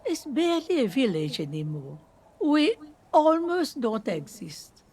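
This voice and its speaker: A woman's voice: sits high, very animated, a little slow, dark tone, husky, exaggerated voice. An actress playing a very old washerwoman in a video game, weary, plainspoken and folksy in a resigned way. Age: older. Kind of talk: video game dialogue acting.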